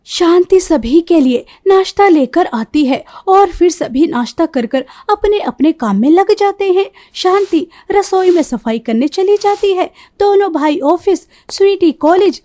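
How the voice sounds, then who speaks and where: High-voiced woman narrating a cartoon story. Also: measured pace, hardly any pauses. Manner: storytelling, steady. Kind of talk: scripted narration.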